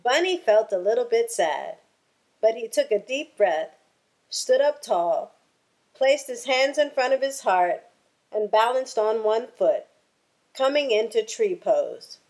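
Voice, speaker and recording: A woman with a voice on the high side reads a children's picture book aloud, taking a deliberate, expressive storytelling approach.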